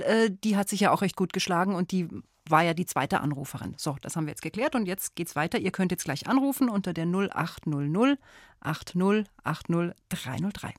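A woman's voice: fairly low pitch, dry recording, studio quality. Friendly woman hosting a kids' call-in. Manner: friendly, encouraging with child callers. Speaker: radio show host. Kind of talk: call-in quiz show hosting for children.

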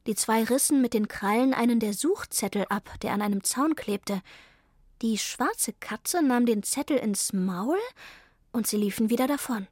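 A woman calmly narrating a children's story. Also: a little high, normal speed, no echo, studio quality. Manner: calm and clearly paced.

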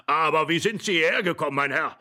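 An actor voicing an excitable older husband who shouts hoarsely and fusses in agitation. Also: male voice, mid-range voice, normal speed. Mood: agitated. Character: flustered old husband, excitable, fussy.

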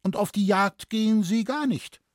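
A man's voice: high voice, moderate pace, no room sound, studio quality, voice pushed up, close to an everyday voice. A man voicing a naive, easily frightened city schoolmaster who speaks properly and stammers when shocked. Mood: anxious. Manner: fussy, stammering, proper speech.

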